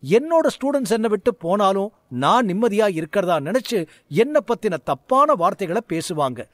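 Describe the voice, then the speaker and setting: A man's voice: high voice, big pitch swings, normal speed, fairly bright tone, dry recording, studio quality. A man voicing an arrogant, hot-tempered male magic teacher in a storybook reading. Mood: indignant.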